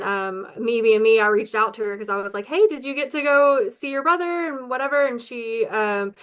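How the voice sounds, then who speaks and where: A woman's voice: mid-range voice, a bit bright, smooth. A woman answering interview questions in an earnest, chatty way, with many ums and likes. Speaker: local advocate interviewed as guest.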